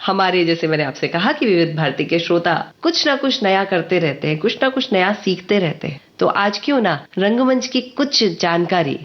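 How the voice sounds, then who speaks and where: A woman's voice: lowish voice, expressive, normal speed, few pauses. A woman presenting a radio interview, polished and formal, with frequent affirming interjections. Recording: dull lo-fi radio studio sound.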